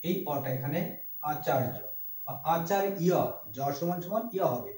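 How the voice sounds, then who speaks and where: A man teaching Sanskrit verse pronunciation, slowly breaking words into letters and chanting the lines. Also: a little high, expressive, a little mellow. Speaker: Gita recitation teacher. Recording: roomy echo, mic far off.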